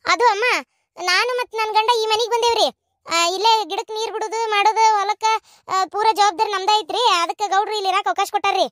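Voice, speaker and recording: A woman voicing a young village wife in a cartoon, speaking softly and hesitantly in a North Karnataka Kannada accent. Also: very high voice, fairly even intonation, fast, no room sound, clean studio sound, pitched above the performer's own voice. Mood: polite. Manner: soft, quiet, hesitant. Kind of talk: cartoon voice acting.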